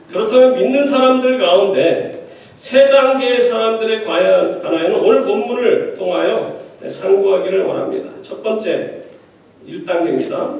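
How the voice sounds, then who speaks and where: A male pastor with a high, gravelly voice delivers a sermon in a chatty way, throwing quips at his congregation. He sits well back from the mic, and a big echo fills the church around him. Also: darkish tone. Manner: conversational preaching with quips to the congregation. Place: church sanctuary. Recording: echoey hall, distant mic.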